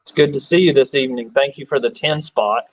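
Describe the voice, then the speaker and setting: A man's voice: medium pitch, fairly quick, no room sound, muffled recording. A man from Alabama, hosting a casual livestream, rambling, laughing often and reading chat aloud. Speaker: livestream host.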